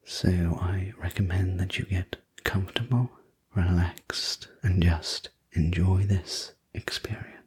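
A man in a soft, breathy whispered role-play, speaking as a soothing, gentle sleep story narrator and attendant. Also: sits low, fairly even intonation, a little hiss or hum. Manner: slow, gentle, reassuring delivery. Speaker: host playing a sleep room preparation attendant.

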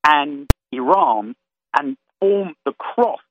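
A man calling in to a radio talk show, giving a rapid, detailed briefing on world affairs. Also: a little high, animated, dry recording. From Florida. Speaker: caller. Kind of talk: call-in radio commentary. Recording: tinny phone line.

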